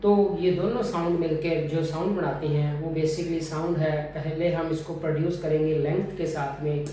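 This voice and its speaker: A man teaching a phonetics lesson, deliberately modelling each vowel sound over and over. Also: fairly high pitch, steady tone, dark tone, a little hiss or hum. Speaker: English pronunciation teacher. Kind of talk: phonetics lesson with drilled repetitions. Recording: very echoey room, mic at a distance.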